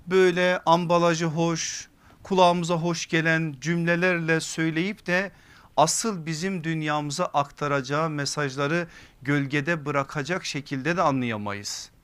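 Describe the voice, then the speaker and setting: Clear-voiced man preaching at a pulpit microphone. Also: a little high, a bit bright. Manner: rhetorical, emphatic repetition with deliberate phrasing. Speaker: preacher giving a religious lesson series. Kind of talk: sermon-like religious lecture from a pulpit.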